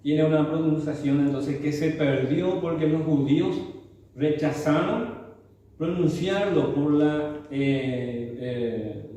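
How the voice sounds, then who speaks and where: Slow-speaking man teaching in an echoey church hall. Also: a little high, warm tone. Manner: slow, explanatory, often adds tag questions. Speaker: Bible teacher. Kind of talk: church Bible class. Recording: distant mic in very echoey hall, faint room noise.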